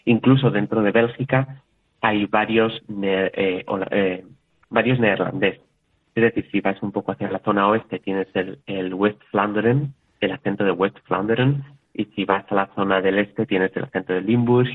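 A man from Spain talks in a relaxed, chatty way, often restarting his sentences and acting out little exchanges. His voice sits on the low side. The sound is thin and tinny, like a phone call. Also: moderate pace. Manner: chatty, with frequent restarts and quoted dialogue. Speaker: interview guest. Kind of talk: casual interview talk.

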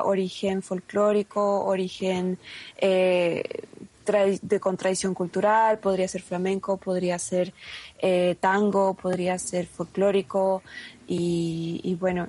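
A woman's voice: medium pitch, darkish tone. Level-toned woman, earnest. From Peru. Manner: earnest, halting with many fillers. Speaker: singer, nominated guest. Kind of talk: radio interview answers.

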